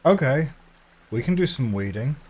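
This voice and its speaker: A man's voice: mid-range voice, lively intonation, normal speed, a little mellow, husky. A man giving casual video game commentary, wryly musing aloud to himself as he plays. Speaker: gamer.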